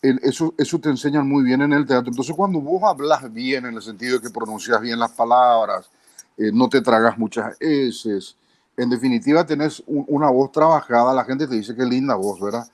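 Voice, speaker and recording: Paraguayan man in his fifties, mid-pitched radio voice, trained diction, measured interview guest. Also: darkish tone, no echo. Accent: Paraguayan Spanish. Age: 50s. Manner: measured, tags lines with a questioning aside. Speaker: guest, broadcaster and journalist. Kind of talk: interview storytelling.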